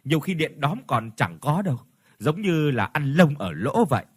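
A teasing old innkeeper who half jokes and half warns, his husky voice rising and falling with lively swings, as a male storyteller puts him on. He sounds dry and close, with no room around him. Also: fairly high pitch, moderate pace, no room sound. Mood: warning. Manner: teasing yet cautioning. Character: elderly male inn owner, half-joking, warning.

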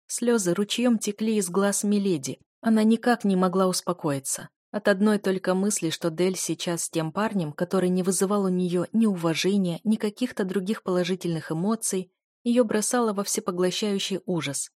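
A woman narrating an audiobook in a measured, even reading voice. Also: medium pitch, dry recording, clean studio sound. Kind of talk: scripted narration.

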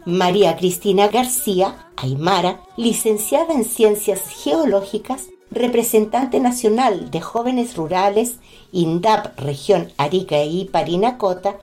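A woman host reading a formal, scripted podcast narration in a measured way. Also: mid-range voice, dark tone.

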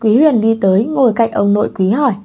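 Một người phụ nữ đọc truyện audiobook bằng giọng đều đều, không vội vàng. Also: female voice, fairly high pitch, fast talker, warm tone, husky. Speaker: narrator. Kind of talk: audiobook narration of a web novel.

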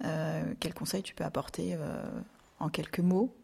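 A woman's voice: low-pitched, little pitch movement, measured pace, creaky, dark tone, breathy edge. A woman interviewing a guest, asking questions in a casual, familiar way with fillers.

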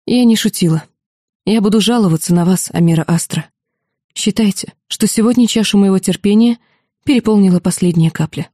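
Audiobook: a furious young woman standing her ground, a woman reading her, mellow tone. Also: medium pitch, a little fast, no room sound, clean studio sound, lightly acted. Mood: indignant. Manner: sharp, indignant. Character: angry proud young woman, newly initiated weaver.

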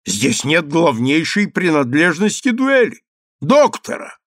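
Shrill blustering young duelist, high and loud , read by a man. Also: sing-song, unhurried, no echo, studio quality. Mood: agitated. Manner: shrill, agitated shouting.

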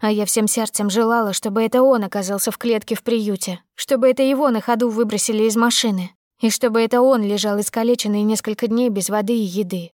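A woman tells a first-person story as an audiobook reader, steady and emotive. Her voice sits fairly high. It is recorded close on a studio mic with a dry sound. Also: fast talker, hardly any pauses, no echo. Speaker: audiobook narrator.

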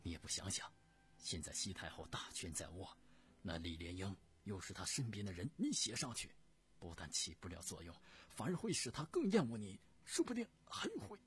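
A man voicing an anxious princess consort who pleads urgently with her husband in a high voice. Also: sing-song, moderate pace, a bit bright, husky, full character voice. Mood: pleading.

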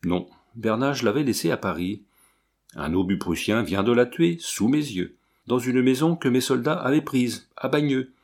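A man's voice: mid-range voice, animated, normal speed, darkish tone. A man voicing an ardent, wounded young officer who speaks earnestly and urgently.

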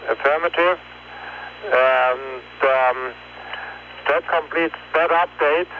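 A male ground controller dictating message corrections step by step in a halting, procedural way over a space mission radio link. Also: fairly high pitch, fairly even intonation. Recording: tinny narrowband space radio, hum, noise.

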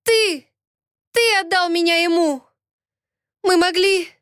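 A woman reading a story, playing a desperate young wife who cries out high and loud in passionate pleas. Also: measured pace, no room sound, studio quality.

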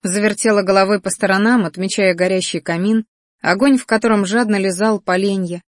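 A woman reads a first-person fantasy story aloud in a calm, even manner, at a mid-range pitch. The voice sits close and dry, with no room around it. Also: brisk, no echo. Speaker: audiobook narrator.

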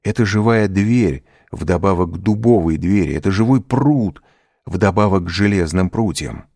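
Low-voiced male audiobook narrator. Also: no room sound, studio quality. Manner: measured, even storytelling. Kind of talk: scripted narration.

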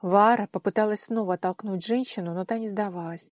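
A woman narrating an audiobook in an expressive, measured manner. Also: medium pitch, no room sound, studio quality. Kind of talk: scripted narration.

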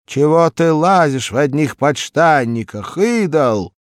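A man doing a shrill, wailing scolding wife. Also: lively intonation, measured pace, no room sound, studio quality. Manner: wailing, scolding at the top of her voice. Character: shrewish working-class wife, shrill, scolding.

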